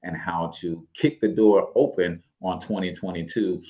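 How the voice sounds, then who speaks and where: A man's voice: low-pitched, steady tone, normal speed, mellow. A man hosting a podcast, talking money in emphatic, punchy phrases with repetition and radio-style segues. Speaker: podcast host.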